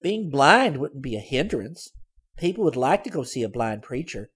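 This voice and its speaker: A man's voice: medium pitch, sing-song, normal speed, slightly rough, voice pushed up. A man reading a story voices a prying, persistent middle-aged landlady with a wheedling, badgering manner. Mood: coaxing.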